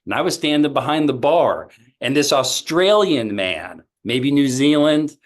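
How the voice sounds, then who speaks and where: A man's voice: medium pitch, unhurried. Man telling a comedy club story. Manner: animated storyteller, acting out quotes. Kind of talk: casual podcast storytelling. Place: podcast studio.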